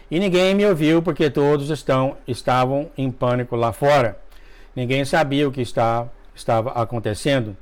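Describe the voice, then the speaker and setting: A man reading a dream testimony aloud to viewers, emotional, with asides, often coughing and clearing his throat. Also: medium pitch. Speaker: religious video narrator.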